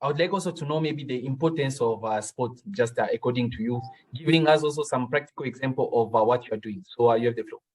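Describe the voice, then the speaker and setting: A man from the Democratic Republic of Congo moderating an online panel, speaking slowly with frequent fillers. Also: mid-range voice, a little mellow, low-quality recording.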